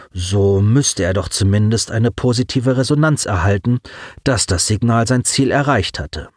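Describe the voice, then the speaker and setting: A man narrating a science-fiction audiobook in an expressive, varied reading. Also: fairly low pitch, slightly rough, no echo, clean studio sound.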